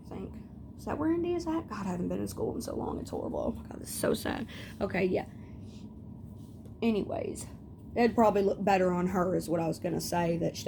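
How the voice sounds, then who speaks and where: A young beauty vlogger with a lowish, creaky, scratchy voice chats casually at home while showing off makeup, rambling off on tangents.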